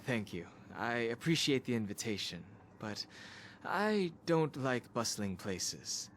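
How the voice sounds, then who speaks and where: A man's voice: mid-range voice, sing-song, slow, background noise. An actor playing a reserved, dutiful young man in a video game, polite and composed in manner. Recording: music behind the voice.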